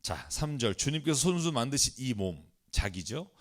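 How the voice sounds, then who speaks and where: A man's voice: mid-range voice, normal speed. A male pastor leading a Bible study lecture, emphatic and speaking straight to his listeners. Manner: animated, emphatic, speaks directly to the audience.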